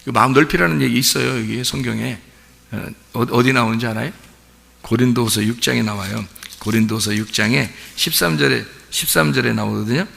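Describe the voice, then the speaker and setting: A man's voice: medium pitch, fairly quick, vocal fry, fairly bright tone. A male pastor preaching a sermon in a conversational way, often putting rhetorical questions to his congregation. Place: church sanctuary during Sunday service. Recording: long church reverb.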